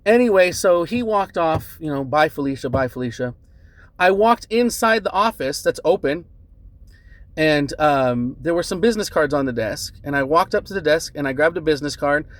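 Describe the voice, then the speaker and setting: A man's voice: a little high, no room sound. Earnest man telling his story, dry sound. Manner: earnest, measured, repeats himself with "right?" and "um". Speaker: customer recounting an incident. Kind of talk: casual spoken account to camera.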